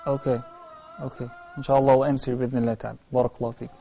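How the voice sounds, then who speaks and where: Fast-talking male talk show host. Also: mid-range voice, level tone, gravelly, mellow, slight background noise, low-quality recording. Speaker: live show host taking calls. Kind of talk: live broadcast talk show.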